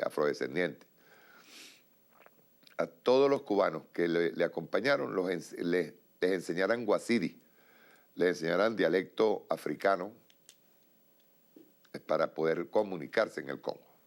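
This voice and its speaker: Middle-aged man, very deep voice, gravelly, political TV host, emphatic rambling commentary. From Venezuela. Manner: rambling, emphatic, many restarts. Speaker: TV show host.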